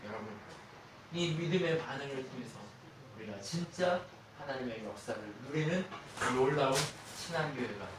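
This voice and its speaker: A male pastor preaching a sermon, shifting from loud emphatic exclamations to soft asides and asking the congregation questions. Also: medium pitch, expressive, normal speed, heavy reverb, far from the mic, background noise. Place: church sanctuary.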